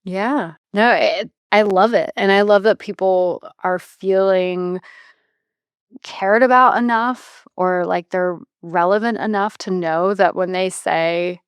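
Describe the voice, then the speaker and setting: A female podcast host in her thirties has a medium-pitched voice, a slow delivery, and a clean tone, recorded in a clean studio with no echo. She's having a casual, reflective conversation, chatty and prone to trailing off and restarting.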